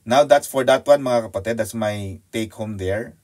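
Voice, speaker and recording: A man with a Filipino accent preaching a sermon in an animated, teasing way that leaps up in pitch for emphasis. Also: moderate pace. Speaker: pastor. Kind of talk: sermon teaching.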